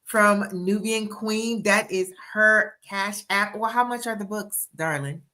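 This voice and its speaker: A woman's voice: mid-range voice, slow, pushed and bright. A woman in her sixties hosting a livestream interview as a book coach, upbeat and encouraging, often repeating herself on a video call. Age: 60s.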